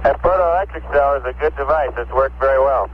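A man speaking as an astronaut from a spacecraft over a radio link, calm and clipped, with dry humor. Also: mid-range voice, a little fast. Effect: voice heard over a radio link. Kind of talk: space-to-ground radio exchange. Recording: muffled lo-fi radio with faint hiss.

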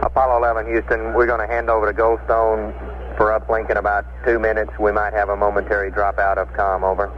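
Man, mission control, heard over a radio link, brisk procedure, even tone, lo-fi muffled. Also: lowish voice. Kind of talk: space-to-ground radio exchange. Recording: muffled lo-fi radio with faint hiss.

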